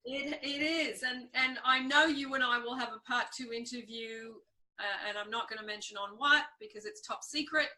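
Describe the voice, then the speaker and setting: A woman's voice: a little high, normal speed, sharp tone, low-quality recording. A woman hosting a casual interview, encouraging her guest and agreeing often. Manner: encouraging, frequent "yeah" agreement. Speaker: interview host.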